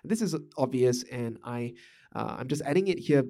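This podcast host from Malaysia speaks in a mid-range voice at a normal speed, his intonation lively. Working through management ideas casually, he's thoughtful and keeps restarting and using fillers.

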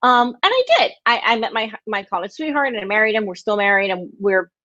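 A woman from Miami, Florida, a guest in an interview, telling her life story in a warm, proud way. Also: mid-range voice, a little fast, dull audio. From Miami, Florida, United States. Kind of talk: casual interview chat.

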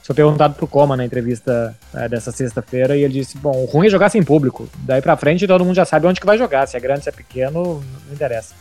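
A man's voice: mid-range voice, fast, hardly any pauses, darkish tone, soft background music. A man with a Brazilian accent hosting an informal football podcast and telling anecdotes. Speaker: sports podcast host and journalist.

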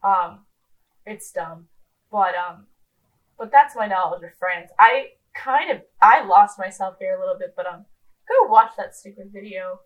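A woman's voice: medium pitch, animated, measured pace, muffled recording. A woman in her twenties co-hosting a podcast in casual chat, rambling with lots of ums and restarts. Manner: rambling, self-deprecating, many ums and restarts. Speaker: podcast co-host.

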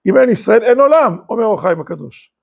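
Rabbi guy teaching torah, kinda high and husky, keeps asking questions then punching up the answer. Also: big pitch swings, darkish tone. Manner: rhetorical questions, emphatic rising bursts. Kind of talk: lively Torah lecture.

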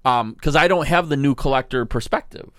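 A man co-hosting a casual podcast, talking in a relaxed, measured way and giving advice. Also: medium pitch, no room sound, clean studio sound. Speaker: podcast co-host. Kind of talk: casual chat.

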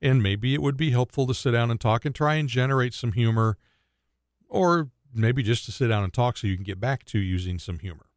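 A man's voice: mid-range voice, fairly quick, no echo, clean studio sound. A man from Kentucky hosting a radio talk show, chatting casually and cracking jokes. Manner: joking, teasing.

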